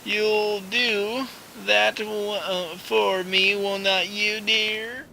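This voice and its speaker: A man voicing a kindly old woman shopkeeper in a video game, reading her lines in a raised pitch and stumbling over words. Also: flat delivery, drawn-out words, vocal fry, bright, forceful tone, a little hiss or hum, exaggerated voice, poor audio. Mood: affectionate.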